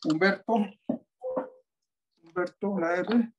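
Mexican man, high-pitched, patient teacher showing classroom materials. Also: takes it slowly, highs cut off, a little hiss or hum. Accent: Mexican Spanish. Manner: patient, asks many rhetorical checks. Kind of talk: classroom-style demonstration.

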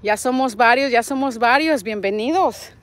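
This vlogger, a woman in her forties from Nayarit, speaks Mexican Spanish at a moderate pace in a slightly high voice. Outdoors in a parking lot and along a street, she hosts a casual live chat, fondly greeting viewers and reading comments. She records on a phone at arm's length with a wired earbud mic.

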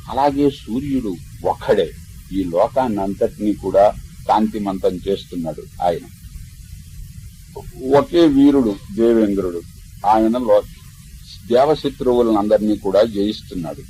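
A man giving a religious discourse as a swami, retelling a scripture story with lively voicing of quoted speakers and some stammered restarts. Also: lowish voice, measured pace, pauses often, a little hiss or hum, poor audio.

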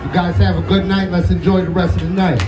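A man's voice: high-pitched, little pitch movement, fast, music in the background. A man giving an informal thank-you speech on stage at a press conference. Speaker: guest speaker at press conference. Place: indoor venue stage. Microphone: handheld microphone, distant camera. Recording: dull echoey PA, noisy crowd.

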